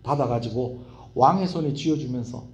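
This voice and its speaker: Brief: male pastor, midweek sermon, animated, mellow tone, echoey sanctuary. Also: medium pitch, normal speed. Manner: animated, asks the congregation questions. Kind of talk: Wednesday evening sermon. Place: church sanctuary. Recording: roomy church hall echo.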